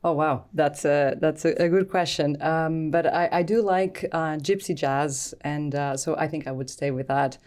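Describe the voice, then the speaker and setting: A woman from Portugal speaks in a low, warm tone with a Portuguese accent, her first language being Portuguese. She answers interview questions in a thoughtful, halting way, full of ums. She sounds middle-aged. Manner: thoughtful, hesitant with frequent ums. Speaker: guest scientist. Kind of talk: podcast interview.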